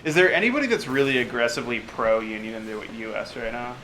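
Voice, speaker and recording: Tipsy, swearing man with bright voice. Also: mid-range voice, quick pace, a little hiss or hum, poor audio. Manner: swears freely, joking and upbeat. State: tipsy from drinking. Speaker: let's play host playing the game. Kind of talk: casual gaming chat.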